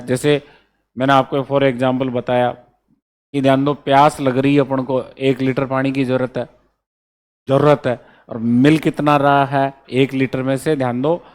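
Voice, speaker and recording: A male teacher giving a classroom lecture, drilling memory codes letter by letter and checking in with students again and again. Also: medium pitch. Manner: keeps checking in with students, repeats key points. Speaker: exam-prep teacher.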